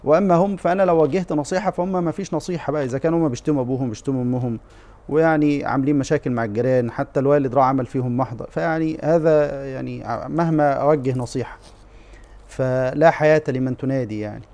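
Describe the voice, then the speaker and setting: Quick-talking Egyptian sheikh, mellow voice. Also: male voice, mid-range voice. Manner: probing, firm, quick questions. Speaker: sheikh answering callers. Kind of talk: religious advice on TV. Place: TV studio. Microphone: lapel mic.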